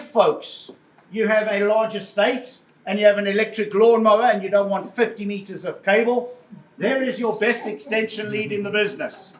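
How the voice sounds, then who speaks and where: Jovial man presenting a car in an echoey room. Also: high-pitched. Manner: jovial, addresses the crowd as folks, jokes with the audience. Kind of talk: live product presentation to an audience. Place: showroom or event space. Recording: echoey room, voice heard from far off, faint ambience.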